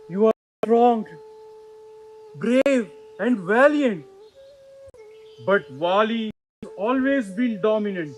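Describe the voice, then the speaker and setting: A man's voice: very high-pitched, exaggerated voice, poor audio. A man voicing Sugriva, an anxious exiled monkey prince, telling his story in rhyming verse and pleading fretfully.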